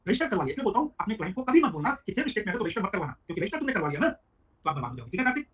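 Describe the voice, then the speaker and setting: A man teaching a live online tax class, talking quickly and calling on students by name. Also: high-pitched, big pitch swings, fairly bright tone, husky. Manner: rapid, chatty, addresses students by name. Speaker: GST teacher.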